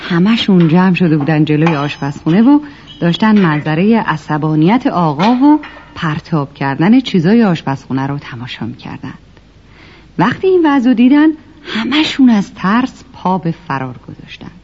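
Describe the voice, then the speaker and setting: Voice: mid-range voice, animated, a little hiss or hum. A storyteller narrating a children's tale, talking to the kids listening. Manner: addresses children warmly as listeners. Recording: lo-fi recording with music behind.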